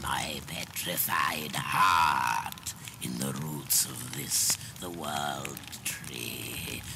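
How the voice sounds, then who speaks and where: An actor playing an otherworldly, commanding hanged corpse in a video game, with an unearthly, hoarse whispering rasp and slow, portentous delivery. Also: male voice, a bass voice, heavily acted. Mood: eerie, demanding. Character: corpse hanging from a gallows tree, otherworldly and commanding. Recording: heavy noisy ambience around voice.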